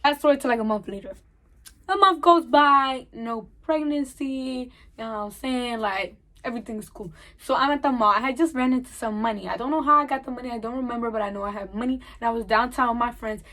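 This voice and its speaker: A young woman tells a storytime vlog, with a high-pitched voice. She acts out the dialogue as she goes and keeps the telling animated. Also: a little fast. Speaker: vlogger.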